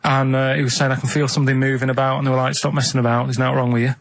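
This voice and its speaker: Deadpan man in his thirties chatting on radio. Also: mid-range voice, very fast. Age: 30s. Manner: plain, deadpan, defensive when teased. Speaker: radio show regular. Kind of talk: casual radio chat.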